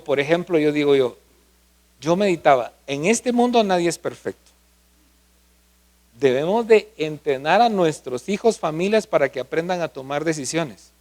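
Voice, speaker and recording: A male pastor preaching a sermon, often asking the congregation questions. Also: a little high.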